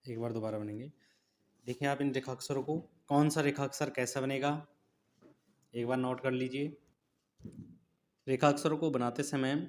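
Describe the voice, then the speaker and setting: Male shorthand teacher, mid pitch, slow repetitive dictation while writing. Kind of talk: step-by-step writing lesson.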